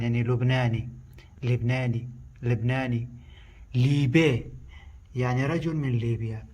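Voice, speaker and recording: A man whose first language is Pashto, teaching a language lesson and repeating each word slowly and loudly before he explains it. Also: mid-range voice. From Afghanistan.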